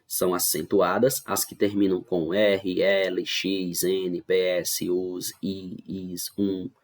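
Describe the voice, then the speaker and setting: Recording at a computer for a screen-share class, a teacher takes schoolchildren through an online review lesson one rule at a time. He repeats the main points and regularly checks they're keeping up. His voice is low, flat and slow.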